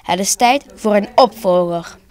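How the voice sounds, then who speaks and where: A woman's voice: medium pitch, a little slow, lightly acted. A woman voicing an old, kindly head Santa who speaks solemnly to his villagers in a children's story. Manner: warm, solemn storybook speech.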